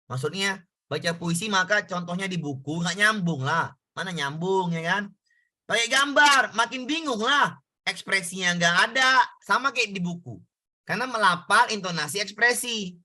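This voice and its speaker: A male tutor works through exam questions in a casual, back-and-forth way and keeps asking his students for answers. His voice sits high for a man. It sounds very bright and sharp. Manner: conversational, asks students questions. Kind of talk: exam prep lesson.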